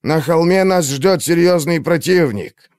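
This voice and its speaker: Stern magister in an audiobook, narrator putting him on, raised pitch, commanding. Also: male voice, a little slow, a little mellow, no room sound, studio quality, close to an everyday voice. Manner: commanding, reproachful. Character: stern older male magister urging calm.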